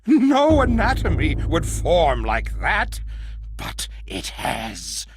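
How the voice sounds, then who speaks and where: A man playing a half-mad male survivor in a horror monologue, lurching between hushed whispers, manic laughter and shouts. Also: a little high, wildly swooping pitch, takes it slowly, noisy background, full character voice. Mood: horrified. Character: half-mad male survivor raving about monstrous parasites.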